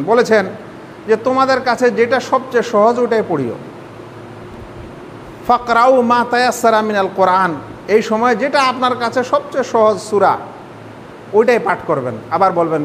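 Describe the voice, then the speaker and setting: High-voiced man teaching in a reverberant hall. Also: a bit bright. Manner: explains step by step, asks the audience rhetorical questions. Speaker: Islamic scholar teaching prayer. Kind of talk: sermon-style religious lesson. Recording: hall reverb, faint rumble.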